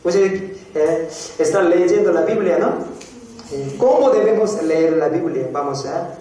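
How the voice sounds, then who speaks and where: High-voiced pastor in a very echoey hall. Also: male voice, lively intonation, warm tone, far from the mic. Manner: slow, repeats phrases, frequent "eh?" prompts to the congregation. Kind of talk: sermon teaching. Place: church hall.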